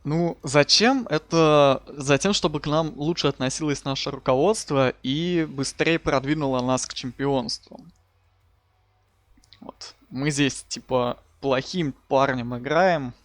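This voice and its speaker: A man's voice: medium pitch, measured pace, no room sound. A man giving casual, slangy live commentary as he hosts a gaming stream. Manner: informal, colloquial, slangy. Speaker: live streamer hosting a wrestling game stream.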